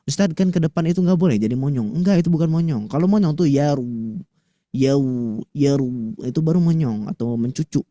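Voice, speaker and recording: A man teaching Quran recitation to women in a lively, chatty way, slowly demonstrating letter sounds. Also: on the high side, no room sound. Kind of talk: tajwid lesson to women listeners.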